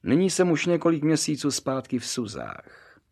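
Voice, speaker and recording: Man reading a letter with lively pitch. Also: vocal fry, slightly rough. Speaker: reader.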